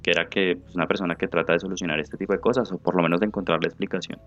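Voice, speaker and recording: A man's voice: sits low, rapid-fire, dull audio, faint music behind. Slangy Colombian man telling a spooky story. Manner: animated, slangy storyteller acting out quotes. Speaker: podcast co-host. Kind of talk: casual storytelling chat. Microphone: remote call mic.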